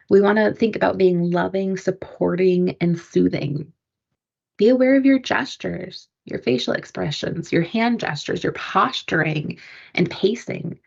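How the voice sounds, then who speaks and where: Lady with a low raspy voice explaining stuff on a webinar, muffled lo-fi sound. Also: a little mellow. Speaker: presenter. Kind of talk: webinar presentation.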